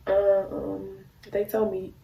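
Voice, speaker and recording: A woman's voice: mid-range voice, monotone, extremely slow, creaky, mellow. A tipsy woman chatting casually as a YouTuber answering questions, rambling in a goofy, giggly way. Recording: roomy echo, distant mic, faint noise.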